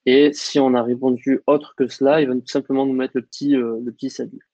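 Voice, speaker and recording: A man teaching a coding lesson over a screen share, explaining in a relaxed way with lots of fillers. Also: mid-range voice, fairly quick, no echo, muffled recording. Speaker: coding instructor.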